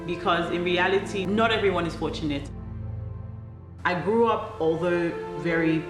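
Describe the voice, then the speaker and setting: A young woman giving an earnest, measured documentary interview, pausing often with ums. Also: on the low side. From Nigeria. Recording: roomy sound with loud music underneath.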